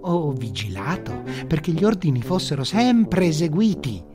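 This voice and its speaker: A man voicing a crafty, flattering army commander who answers in a high, soothing sing-song, with music behind. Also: moderate pace. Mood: coaxing. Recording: music bed under narration.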